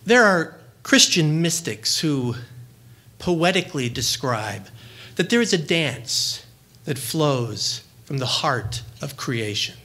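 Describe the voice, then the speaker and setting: A middle-aged man giving a reflection, telling a family story with lively delivery and acting out the dialogue. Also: a little high, slow pace. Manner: animated storyteller who acts out quoted dialogue.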